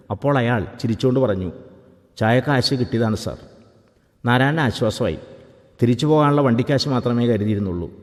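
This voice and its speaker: A man reading a story aloud in a calm, even storytelling manner. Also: medium pitch, in a large hall. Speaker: narrator. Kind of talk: scripted story narration.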